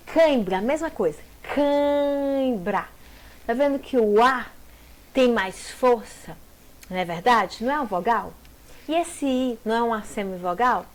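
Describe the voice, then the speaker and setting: Slow, deliberate woman teaching grammar. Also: fairly high pitch. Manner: slow, deliberate syllable-by-syllable explanations with rhetorical questions. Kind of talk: grammar lesson.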